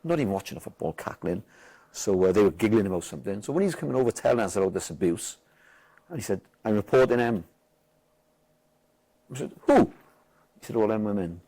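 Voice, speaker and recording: Telling a match story in casual chat, a Welsh football manager swears plenty and loudly acts out what was said, staying animated throughout. His voice is on the low side, a little fast, with frequent pauses.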